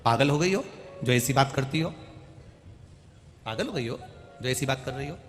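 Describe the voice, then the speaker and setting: A man's voice: mid-range voice, animated, normal speed, close to an everyday voice. Anxious devoted husband, man voicing him, earnest, echoey hall. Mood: worried. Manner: worried, earnest. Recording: echoey hall with music behind.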